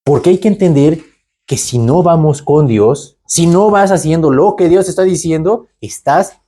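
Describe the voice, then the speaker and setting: A man's voice: on the high side, moderate pace, mellow, breathy edge. A man teaching the Bible conversationally, asking rhetorical questions and tagging lines with "¿verdad?". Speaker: preacher.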